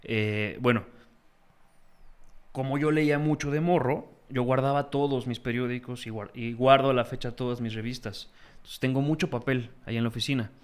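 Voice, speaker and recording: A young man with a Mexican accent, a guest in a casual interview, telling stories in an animated, slangy way. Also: medium pitch, normal speed, clean tone. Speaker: guest, magazine founder.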